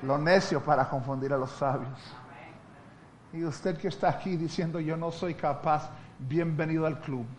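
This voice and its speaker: Preacher guy, fairly high voice, lively storytelling with lots of laughs, faint hiss behind. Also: normal speed. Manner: animated storyteller, laughs often. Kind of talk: sermon.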